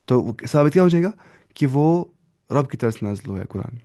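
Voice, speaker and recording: A man's voice: medium pitch, animated, mellow, no echo. Man teaching tajweed, dry close sound. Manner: mixes English terms into his explanations, asks and answers his own questions. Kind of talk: online lesson explaining terms.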